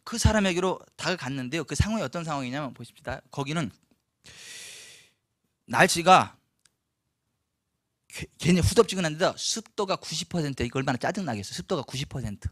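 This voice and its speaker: A man preaching a storytelling sermon as pastor in a church, animated, acting out the people in his story. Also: fairly high pitch, brisk, pauses often, no room sound, studio quality. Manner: animated, acts out quoted voices, laughs often.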